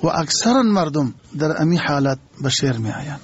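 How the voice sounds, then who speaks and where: An older man with an Afghan Dari accent talks slowly and formally about poetry, his husky voice sitting a little high. The sound is muffled and dull, like an old radio broadcast. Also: sing-song. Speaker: poet being interviewed. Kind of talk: radio interview answers.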